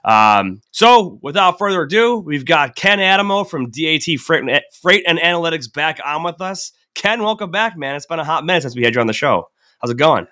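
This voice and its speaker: A man hosting a podcast in a relaxed, chatty way, his voice nasal and stuffy from a cold. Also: fairly high pitch, brisk. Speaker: podcast host. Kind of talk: casual podcast chat.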